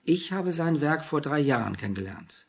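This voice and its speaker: A man voicing an earnest, self-assured young man who speaks calmly and directly. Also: on the high side, moderate pace, vocal fry, husky, voice pushed up, full character voice.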